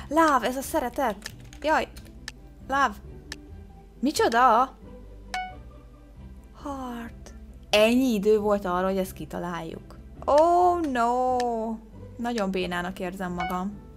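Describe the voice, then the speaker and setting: Medium in pitch with some vocal fry, a woman hosting a game video keeps her commentary casual. Guessing gets her excited, so she gasps and exclaims, and she sounds out English words with hesitation.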